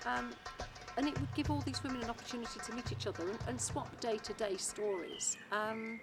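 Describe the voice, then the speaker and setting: An Englishwoman recounting in a documentary interview how she organised an event, acting out other people's words with lively energy. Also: medium pitch. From England. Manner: animated, acts out quoted speech.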